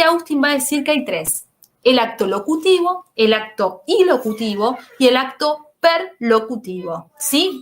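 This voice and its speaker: A woman teacher giving a recorded lecture, explaining step by step and often checking in with "¿sí?". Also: on the high side.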